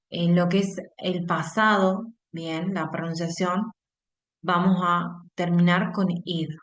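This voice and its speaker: A woman with an Argentine Spanish accent teaching an online English class, explaining step by step and checking in with her students after nearly every phrase. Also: on the low side.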